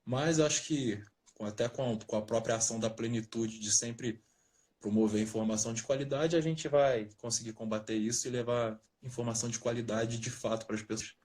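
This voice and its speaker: A man from Rio de Janeiro state, a nutritionist guest, explaining things in a relaxed, jokey way over a video call from his parents' house. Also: medium pitch, a little fast. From Rio de Janeiro state, Brazil. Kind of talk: casual interview talk.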